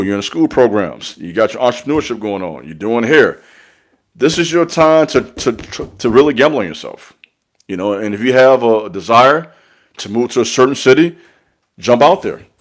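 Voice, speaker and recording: A young man giving an earnest, repetitive motivational talk on spiritual growth, speaking like a preacher to his followers. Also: mid-range voice. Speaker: online spiritual mentor.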